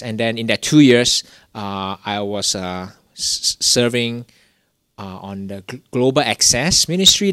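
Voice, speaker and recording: Recorded dry at studio quality, this Singaporean guest, a young man, has a voice on the low side with a fairly bright tone. He rambles through his personal story in casual testimony, restarting often and leaning on "you know."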